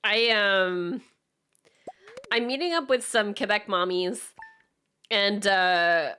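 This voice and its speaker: Bright-voiced Acadian woman streamer chatting casually. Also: medium pitch, slow, clean tone. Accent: Acadian Canadian. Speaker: live streamer. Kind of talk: casual chat to stream viewers.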